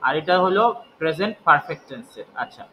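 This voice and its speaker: A man's voice: a little high, animated, quick pace, sharp tone, a little hiss or hum, rough recording. A man teaching English grammar, explaining step by step and asking and answering his own questions. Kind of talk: spoken grammar lesson.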